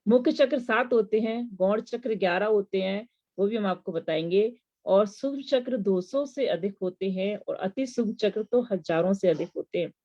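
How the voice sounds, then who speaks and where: A woman's voice: mid-range voice, moderate pace, warm tone. Woman teaching mantras, lo-fi sound. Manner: explanatory, rhetorical questions. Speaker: religious teacher. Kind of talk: devotional lesson on mantras.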